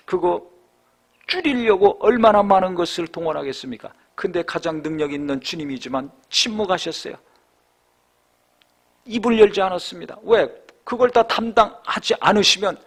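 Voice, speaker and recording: A male pastor preaching a sermon with rhetorical questions, swinging between raised exhortation and hushed reflection. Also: high-pitched, gravelly.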